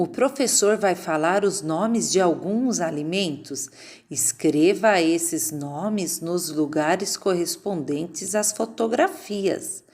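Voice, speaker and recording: A woman teaching a lesson, speaking slowly and patiently and drawing words out as if dictating. Her voice sits low but swings widely in pitch, rising and falling as she explains each exercise. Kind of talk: classroom lesson correcting exercises.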